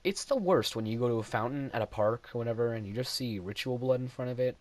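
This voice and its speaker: A young man speaks fast at a medium pitch, casually commenting over his own gameplay footage. He rambles, puts himself down, and often laughs at his own jokes.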